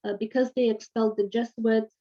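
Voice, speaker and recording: A woman's voice: on the high side, little pitch movement, fairly quick, dark tone, lo-fi sound. Chatty woman teacher, native Spanish speaker. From Argentina. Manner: chatty, loose, many fillers and asides. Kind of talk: casual recorded class presentation.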